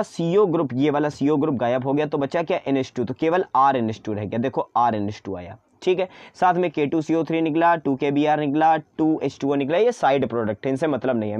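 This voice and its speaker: A man's voice: a little high, darkish tone, dry recording, dull audio. A man teaching an online chemistry lesson in mix, chatty and coaxing, often repeating his own questions to students.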